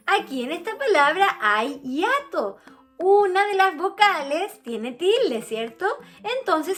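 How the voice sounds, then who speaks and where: A young woman teaches a lesson to children in a high, bouncing voice that climbs and dips. She speaks slowly and patiently, stretching out each key word. Soft children's music plays faintly behind her. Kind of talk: online grammar lesson for children.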